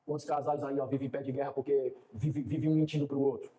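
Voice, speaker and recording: A man preaching a sermon as pastor, animated and acting out quoted dialogue. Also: mid-range voice, fast.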